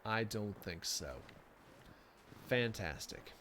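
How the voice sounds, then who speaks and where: A man's voice: lowish voice, slow pace, noisy background. A man streaming a video game, making self-mocking jokes as he plays. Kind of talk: gameplay commentary.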